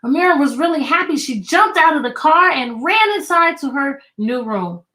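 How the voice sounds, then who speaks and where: Her voice sitting high, a woman teacher shares a children's book in an expressive, deliberate read-aloud. She keeps pausing to pose questions to the young audience.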